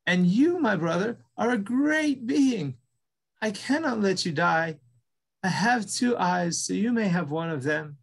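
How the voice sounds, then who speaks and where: A man's voice: huge pitch swings, a little slow, exaggerated voice. Man doing a small, shaky-voiced brave mouse. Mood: earnest. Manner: higher, shaky voice. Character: small brave male mouse, timid and earnest.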